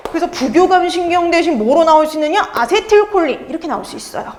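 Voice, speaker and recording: A woman's voice: extremely high pitch, expressive, quick pace, a little mellow, slight background noise. A middle-aged woman giving an exam-prep lecture. She asks her students questions, answers them herself, and repeats the key terms.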